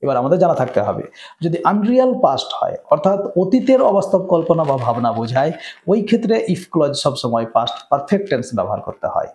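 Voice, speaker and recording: A man with a Bengali accent explains English grammar rules in a slightly high, sing-song voice with a darkish tone, over a little hiss or hum. He asks "right?" often and reads example sentences slowly.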